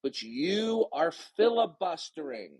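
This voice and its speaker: A man's voice: fairly high pitch, sing-song, slow, a little mellow. A man hosting an online debate room, arguing in a confrontational, insistent way and repeating his demands. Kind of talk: argumentative live debate.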